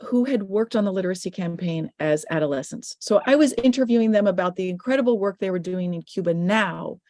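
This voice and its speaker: A woman's voice: mid-range voice, a little fast, a little mellow, no echo, clean studio sound. A middle-aged woman, a filmmaker answering questions in an online panel, speaking thoughtfully and restarting phrases. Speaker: guest filmmaker.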